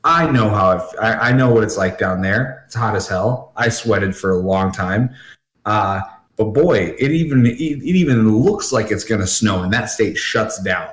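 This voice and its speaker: Joking low-voiced man, echoey room. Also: animated, moderate pace. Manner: joking, self-deprecating. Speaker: podcast co-host. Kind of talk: casual chat.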